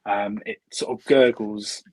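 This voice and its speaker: A man's voice: lowish voice, fairly even intonation, a little slow, dry recording, rough recording. A man narrating as dungeon master in a casual, hesitant way, full of "um" and "sort of". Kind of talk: narrating a tabletop game.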